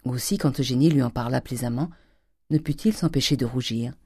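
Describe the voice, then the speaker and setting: Measured audiobook narrator, dark voice. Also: medium pitch, breathy edge, dry recording, studio quality. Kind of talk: audiobook reading of a classic novel.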